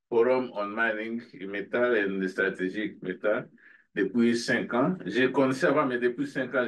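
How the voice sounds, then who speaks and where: A man, asking a panel a long question in an earnest, halting way. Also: fairly low pitch, fairly bright tone. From Democratic Republic of the Congo. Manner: halting, restarts often, earnest. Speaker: audience member asking a question. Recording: from far off in a room.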